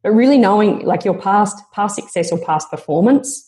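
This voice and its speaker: A woman's voice: medium pitch, lively intonation, moderate pace, dark tone. A woman guest on a podcast interview, speaking in an earnest, motivational and reflective way.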